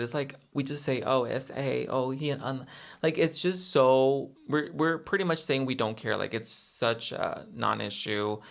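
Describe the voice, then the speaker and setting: A man hosts a reaction segment in a casual, conversational style. His voice sits in a middle pitch range. He gives his opinions emphatically, as commentary. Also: vocal fry, fairly bright tone.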